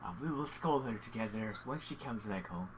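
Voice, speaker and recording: A woman voicing a flustered male tiefling librarian and father who talks in a hesitant, fumbling way, with some soft near-whispered stretches. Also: very deep voice, lively intonation, a little fast, noisy background, pitched below the performer's own voice.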